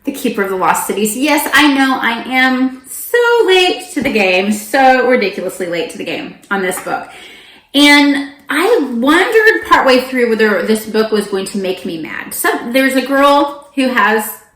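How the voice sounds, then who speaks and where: With a high, sing-song, unhurried voice that's a bit bright, a middle-aged book vlogger talks to viewers in an echoey room. Her monologue is casual and animated, with frequent informal asides interrupting her.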